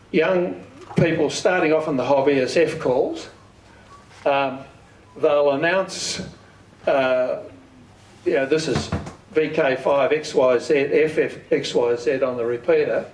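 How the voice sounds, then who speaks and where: This Australian club speaker has a slightly high, darkish voice and talks plainly through an informal lesson, frequently posing his own questions and replying to them. The recording comes from a community hall, with echo and a far-off mic.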